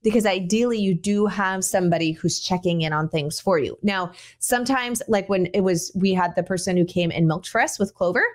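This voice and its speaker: A woman's voice: on the low side, brisk, few pauses. A woman in her forties hosting a podcast from a small home room, talking in a casual, chatty way through a headset. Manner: chatty, conversational, gestures while talking. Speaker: podcast host. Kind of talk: casual solo podcast talk. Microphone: over-ear headset.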